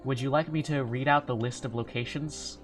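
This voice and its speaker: A man's voice: medium pitch, fairly even intonation, a little fast. Casual male game master over music. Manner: informal, sweary. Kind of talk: casual improvised tabletop game narration.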